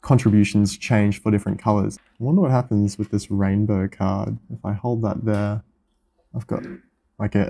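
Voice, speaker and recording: Young man with a mellow, low voice. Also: vocal fry. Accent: Australian. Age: young adult. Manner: enthusiastic, explanatory, counting things out. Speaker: host. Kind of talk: casual electronics factory vlog. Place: workshop, indoors.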